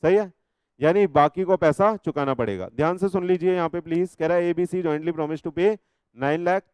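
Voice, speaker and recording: A man with an Indian accent teaching a law class, slowly reading legal text aloud and then explaining it in chatty, teasing asides while checking whether students follow. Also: a little high, darkish tone, clean tone, dry recording.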